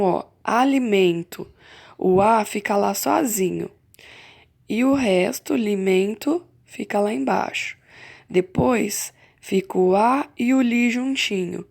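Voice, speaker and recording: A woman from Brazil, a primary school teacher, giving a slow and patient remote lesson to children and stretching out key words. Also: medium pitch, creaky, darkish tone.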